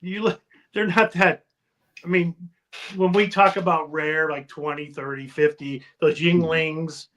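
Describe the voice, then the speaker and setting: A man chatting casually on a round-table panel. His voice runs slightly high. He talks haltingly and often lets thoughts trail off unfinished. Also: fairly even intonation, fairly bright tone. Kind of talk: casual chat.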